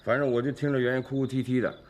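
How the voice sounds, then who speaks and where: An actor playing a sheepish, defensive son who faked a diagnosis. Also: male voice, medium pitch, little pitch movement, very fast, close to an everyday voice.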